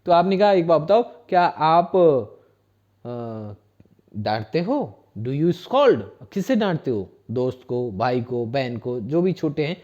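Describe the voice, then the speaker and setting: An Indian-accented man gives a classroom-style English lesson, with a fairly high but mellow voice. He spells out each word letter by letter and repeats every phrase patiently. The sound is dull and lo-fi. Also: big pitch swings, takes it slowly. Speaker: spoken English teacher. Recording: dull lo-fi recording.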